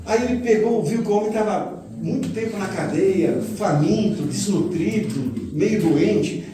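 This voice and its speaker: A man preaching a sermon as a pastor, telling a story with acted-out dialogue and dropping to a hush at the key lines. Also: sits high, unhurried. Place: church retreat hall. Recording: echoey hall, mic at a distance, faint noise.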